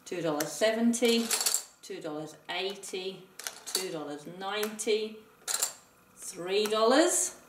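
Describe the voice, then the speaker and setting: Taking it slowly, a woman with a medium-pitched, expressive voice walks a partner through a board game in teacher fashion, counting aloud as she explains every step. The game rests on a table in an indoor room, and the distant mic captures room echo and noise.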